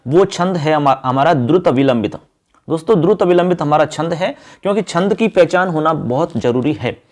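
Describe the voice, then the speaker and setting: A male teacher giving an exam-focused lesson, calling his viewers friends and children and chanting verses slowly. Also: on the high side, a little mellow.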